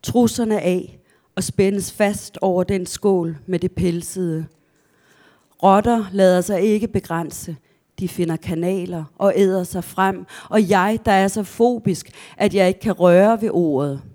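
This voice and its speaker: A woman reading aloud from her own prose in a measured, deliberate way after a short spoken introduction. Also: fairly low pitch, dark tone.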